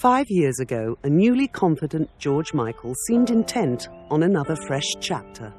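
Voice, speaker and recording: A man giving scripted documentary narration in a measured, dramatic way. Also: a little high, sing-song, a little mellow, soft background music.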